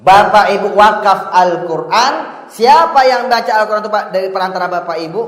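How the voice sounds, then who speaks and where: A male preacher giving a storytelling sermon, tagging almost every phrase with a direct address to the listeners and swinging between loud and hushed. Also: high-pitched, brisk. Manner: addresses the audience with 'Pak' and 'Bu' after nearly every phrase. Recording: echoey hall with long reverb.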